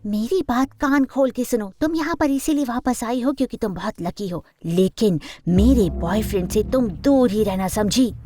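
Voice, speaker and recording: A woman voicing a spoiled, jealous rich young woman in an animated story, bossy and threatening. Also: very high voice, normal speed, few pauses.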